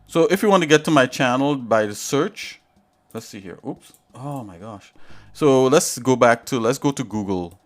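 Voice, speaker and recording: A man's voice: mid-range voice, lively intonation, moderate pace, soft background music. Man, livestream host, casual tutorial, rambling, chatty. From Trinidad and Tobago. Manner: rambling, chatty, talks straight to viewers.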